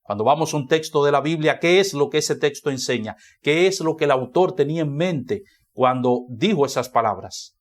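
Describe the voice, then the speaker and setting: A man's voice: fairly high pitch, lively intonation, normal speed. A man with a Dominican Spanish accent, a pastor preaching a sermon in church, who repeats key phrases for emphasis.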